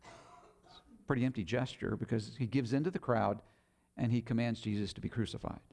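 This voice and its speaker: A man's voice: medium pitch, fairly even intonation, a little fast, vocal fry, a little mellow. A man preaching a sermon, retelling scripture in plain, conversational paraphrase.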